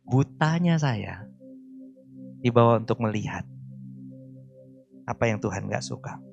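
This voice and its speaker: Lively storytelling preacher, man in his forties. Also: medium pitch, unhurried, creaky, highs cut off, faint music behind. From Indonesia. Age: 40s. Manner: lively storytelling preaching, swings between loud and soft. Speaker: pastor. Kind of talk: sermon. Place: church service.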